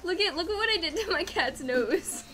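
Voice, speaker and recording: A woman's voice: extremely high pitch, expressive, normal speed, over loud music. A woman chatting and giggling with friends while carving pumpkins, often laughing at herself. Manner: giggly, chatty, self-mocking.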